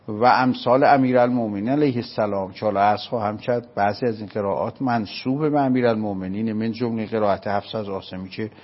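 Isfahani-accented male scholar, patient explainer, husky voice, muffled lo-fi sound. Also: mid-range voice. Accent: Isfahani Persian. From Isfahan, Iran. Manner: patient, explaining step by step with checking questions. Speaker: religious scholar. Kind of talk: explanatory lecture in conversation.

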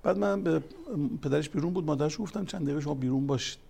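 A man's voice: on the high side, gravelly, warm tone. A man giving a religious talk, weaving counseling stories and scripture quotes, growing emphatic as he goes. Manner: storytelling, quoting scripture, grows emphatic. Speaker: family counselor and religious speaker.

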